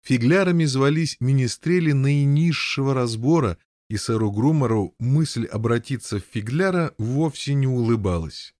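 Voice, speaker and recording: A man narrates a storybook in a wry, measured way. His voice sits in a middle range and the recording is close and dry. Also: mid-range voice, darkish tone, dry recording. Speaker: audiobook narrator. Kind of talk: scripted narration.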